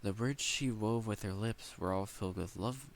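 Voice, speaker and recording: A young man reads a novel aloud at home, his low voice full of gravelly fry. He stumbles over words and breaks off into eager reactions, with a faint hiss behind him. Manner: reads haltingly with slips, breaks off to react excitedly. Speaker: light novel reader and reactor. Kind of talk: casual read-aloud with commentary.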